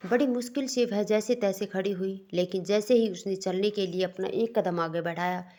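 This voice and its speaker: A woman's voice: medium pitch, normal speed, mellow. Woman narrating a romance story. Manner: reads every part herself, with small slips and restarts.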